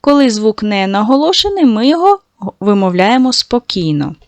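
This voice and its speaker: A woman teaching a recorded lesson to young schoolchildren, patient and encouraging, slowly stretching out sounds to show how they are said. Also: a little high, sing-song, no room sound. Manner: praising, addresses children directly.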